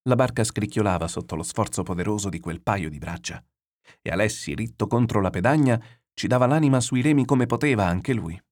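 A man narrating a classic novel aloud in a steady, descriptive storytelling manner. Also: lowish voice, fairly quick. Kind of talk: literary read-aloud narration.

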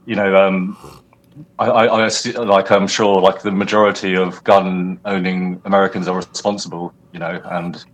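A man from the UK, a music producer and guest, talking in a relaxed, hesitant way with filler words. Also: sits low, moderate pace. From United Kingdom. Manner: relaxed, hesitant, laughs often. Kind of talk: casual interview chat.

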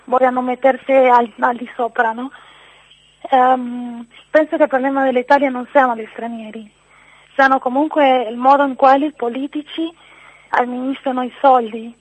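A woman's voice: sits high, steady tone, normal speed, dry recording. A woman with a foreign accent giving her opinion as a caller on a radio phone-in, over a phone line. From outside Italy. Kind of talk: spontaneous opinion call. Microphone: phone call. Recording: narrow, tinny phone line.

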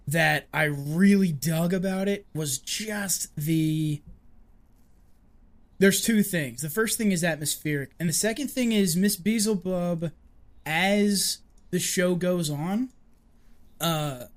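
A speaker in a casual podcast chat over a call, talking in a relaxed, laid-back way. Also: mid-range voice. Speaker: podcast co-host. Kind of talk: casual chat reviewing an anime.

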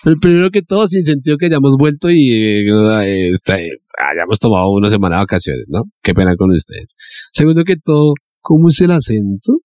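A man's voice: fairly low pitch, lively intonation, moderate pace, a little mellow, no room sound, studio quality. A Colombian man co-hosting a podcast, playful and laughing easily in casual chat on a phone mic. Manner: playful, laughing between remarks. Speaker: podcast co-host.

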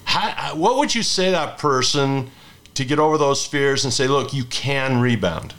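A man's voice: mid-range voice, animated, normal speed, fairly bright tone. A man in his fifties hosting a conversational interview, telling rambling anecdotes between questions. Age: 50s. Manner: rambling storyteller who hosts the interview. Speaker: podcast host.

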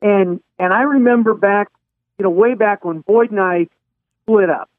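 A man hosting a radio show, telling stories in a relaxed, casual way. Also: high voice, normal speed, no echo. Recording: phone-like radio sound.

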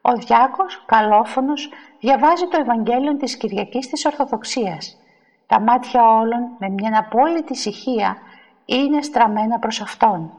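A woman narrating a literary story in a measured, expressive reading voice. Her voice sits somewhat high. A long, hall-like reverb trails after each phrase. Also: lo-fi sound.

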